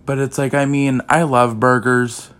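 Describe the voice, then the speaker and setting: Young male podcast host, casual rambling delivery, slow and monotone. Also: mid-range voice, clear, resonant tone. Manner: rambling, heavy use of "like" and "um". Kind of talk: casual chat.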